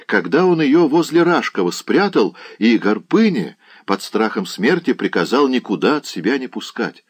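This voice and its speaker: A man does a chatty country servant boy in a storybook reading. He pitches up high and bounces all over the scale. Rustic and pleading, forever exclaiming. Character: young male servant lad, flustered and chatty. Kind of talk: audiobook character voice.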